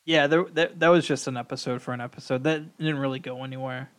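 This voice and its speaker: A man's voice: mid-range voice, fairly even intonation, fast talker, clear, resonant tone. A man co-hosting a casual podcast chat, rambling with many fillers while his audio is choppy and keeps cutting out. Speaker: podcast co-host.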